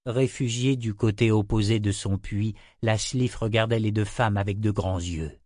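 A man's voice: on the low side, moderate pace, no room sound, studio quality. Man narrating a fantasy audiobook. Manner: steady, expressive reading.

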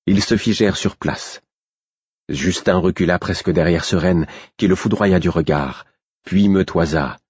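A man reading a fantasy novel aloud in the first person, steady and restrained, in a slightly dull recording. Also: low voice, measured pace, husky, no echo. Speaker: audiobook narrator. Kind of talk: scripted narration of a fantasy novel.

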